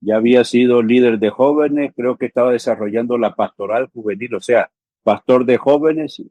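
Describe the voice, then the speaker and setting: In a conversational interview, a pastor from El Salvador in his fifties, also a theological education coordinator, speaks earnestly and frequently checks in with "¿sí?" and "ujú". He has a warm, mid-range voice at normal speed. The recording is dry and muffled.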